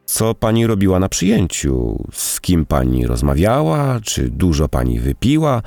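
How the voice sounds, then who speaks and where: Man doing a gallant, evasive young gentleman. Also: sits low, very animated, unhurried, vocal fry, no room sound, faint music behind, heavily acted. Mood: probing. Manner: polite, carefully choosing words.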